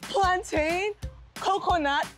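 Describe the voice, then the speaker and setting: A woman hosting a children's educational show, gasping with wide-eyed excitement as she asks questions. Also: very high-pitched, slow pace, faint music behind. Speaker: kids' show host. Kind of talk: bubbly children's educational presenting.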